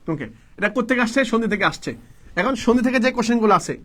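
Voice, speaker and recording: A man's voice: extremely high pitch, expressive, racing, fairly bright tone. A man teaching a live online admission-test class, asking questions and answering them himself over and over. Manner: repetitive call-and-response teaching, asks and answers himself.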